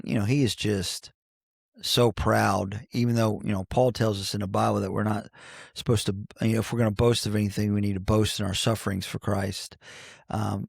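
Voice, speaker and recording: A coach in his forties from Cincinnati, Ohio, appears as a podcast guest, telling reflective stories in an earnest, folksy manner and restarting often. His fairly low voice is husky with vocal fry, recorded at studio quality in a podcast studio with no room sound.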